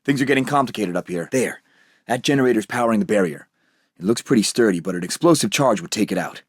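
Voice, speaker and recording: A heroic young American wartime captain for a video game. His voice is a little husky and recorded close and dry. He sounds resolute, with a dry wisecracking edge. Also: lowish voice, animated, fast talker, no echo. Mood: focused, determined. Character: brave, determined young American super-soldier captain in wartime. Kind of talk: scripted video game voice lines.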